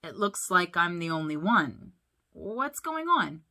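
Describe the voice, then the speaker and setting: A big friendly male monster, as a woman reads him, calm and cheerful in a storybook tale. The voice stays bright and lively with a gentle ease. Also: medium pitch, normal speed.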